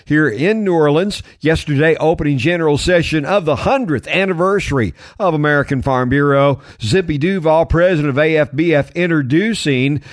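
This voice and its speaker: A man reporting agricultural news for radio in a brisk announcer delivery. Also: on the high side, dry recording, studio quality.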